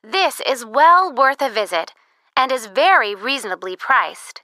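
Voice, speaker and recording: A recorded phone information message, read in a clear, measured, scripted way. Her voice sits fairly high, with a lively, bright rise and fall. The sound is dry and close, with no room around it. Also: dry recording, heavily acted. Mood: informative. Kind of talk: scripted listening-test recording.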